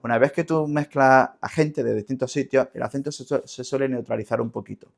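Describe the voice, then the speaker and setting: Fast, creaky-voiced Andalusian man explaining. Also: medium pitch, fairly even intonation. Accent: Andalusian Spanish. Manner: didactic, halting with repeated words. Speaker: linguist guest. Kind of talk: explanatory interview talk.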